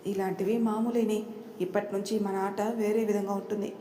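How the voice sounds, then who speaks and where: A smug young man in a spoken storybook who teases and reassures, read by a woman. The voice is mellow and easy-going. It sounds echoey with a faint hiss. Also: medium pitch, flat delivery, moderate pace, natural voice. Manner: smug, teasing.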